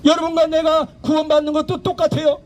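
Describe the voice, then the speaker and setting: A preaching man with a strikingly high voice delivers an outdoor evangelistic sermon. He presses his points emphatically and keeps asking rhetorical questions. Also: completely flat delivery, quick pace. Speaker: pastor, street evangelist. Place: outdoor public park.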